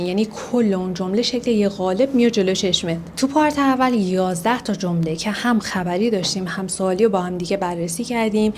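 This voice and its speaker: A woman's voice: mid-range voice, a little mellow, slight background noise. Persian-speaking woman teaching English phrases. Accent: Iranian. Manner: explains slowly, repeats phrases in English. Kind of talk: language lesson explaining phrases.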